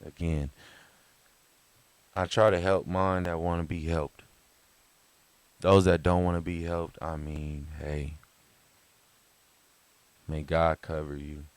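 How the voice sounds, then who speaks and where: Low-voiced man giving a rambling pep talk. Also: slow pace, long pauses, dry recording. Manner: animated, swinging from loud high bursts to soft low murmurs; rambling, with restarts and chuckles. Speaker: vlogger. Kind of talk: casual motivational monologue.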